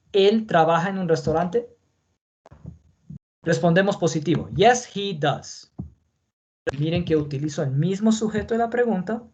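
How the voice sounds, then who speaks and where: A man with a fairly high voice explains grammar step by step, pausing often to check that his students follow. The sound is dull and lo-fi, with a faint hiss underneath. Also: darkish tone. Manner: patient, repeats points, checks in with "¿ya?". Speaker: English teacher. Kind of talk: classroom grammar lesson in Spanish.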